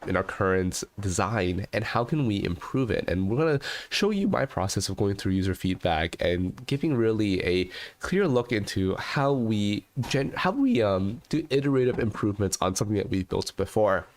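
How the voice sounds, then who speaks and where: A man in his thirties, congested with a cold, hosts a livestream from an indoor living room with a red sofa and a webcam. His voice is on the low side with lively intonation at normal speed, and he chats casually, full of "you know" and "right?"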